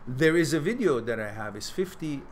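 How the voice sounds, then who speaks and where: A middle-aged man hosts a live Q&A stream, speaking briskly in a fairly high, lively voice with a little hiss or hum. He reads out viewers' messages and offers reflective advice in a casual way.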